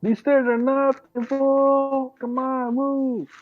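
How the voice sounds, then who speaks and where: Guy doing a yelling bully adventurer, high and loud, tinny line. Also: little pitch movement, a little slow, no echo, soft background music. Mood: yelling angrily. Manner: shouting insults. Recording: tinny phone-like sound.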